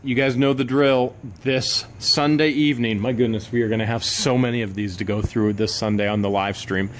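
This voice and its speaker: Excitable man unboxing storage finds. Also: moderate pace, a little hiss or hum. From United States. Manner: excitable, bursts into high exclamations over finds. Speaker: storage unit reseller vlogger. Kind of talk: casual unboxing narration.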